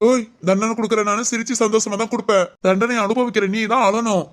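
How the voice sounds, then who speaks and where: A stern policeman husband, acted by a man, rattling off scolding lines at a brisk clip. His tone is mock-stern, with quick teasing comebacks. It plays out as an audio drama. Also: high-pitched, fairly even intonation, close to an everyday voice.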